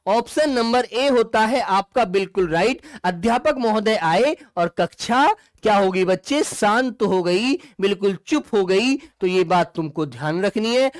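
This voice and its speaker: A man's voice: sits high, expressive, normal speed, hardly any pauses, no room sound, clean studio sound. A man teaching in a live online exam-prep lesson. He talks affectionately to his students as dear children and answers their comments as he goes. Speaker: Hindi teacher.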